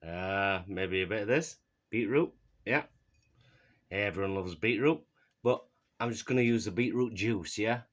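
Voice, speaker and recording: A man with a Yorkshire accent hosts a joke cooking show in his home kitchen, mocking himself and chuckling between lines. His fairly low voice moves a little slowly and pauses often.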